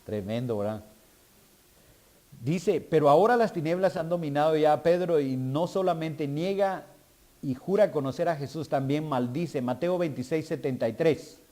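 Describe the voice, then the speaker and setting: A man's voice: fairly high pitch, a little slow, mellow. A male guest preacher delivering a sermon, calling for responses from the congregation and building to emphatic preaching.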